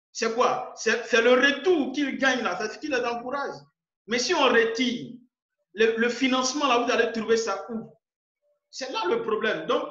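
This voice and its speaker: This meeting host, a man with an Ivorian French accent, exhorts his group over a video call, pressing them insistently and repeating words often. His voice is high and a bit bright, and the call audio comes through muffled and echoey.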